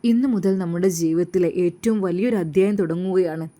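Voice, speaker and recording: A loving, earnest young husband from a storybook, voiced by a woman narrator. He speaks in long, gentle, heartfelt lines with a mellow tone. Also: on the low side, a little fast, natural voice.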